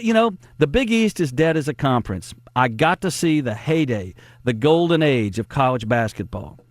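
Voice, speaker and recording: A man's voice: a little high, dry recording. A man in his forties hosting sports talk, rambling nostalgically and laughing at himself. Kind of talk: casual sports talk monologue.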